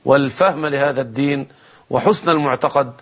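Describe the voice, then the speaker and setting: A man's voice: mid-range voice, a little fast. A man hosting a religious talk show, speaking formally and closing with prayers. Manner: formal, preacher-like, invoking prayers. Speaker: host.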